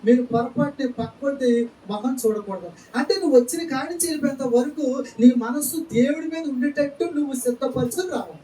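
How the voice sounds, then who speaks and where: A man's voice: very high-pitched, quick pace, dark tone, slight background noise. Echoey church sermon by a preaching man. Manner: rhetorical questions and amen-hallelujah calls to the congregation. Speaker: pastor. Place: church hall. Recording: echoey church, distant mic, faint ambience.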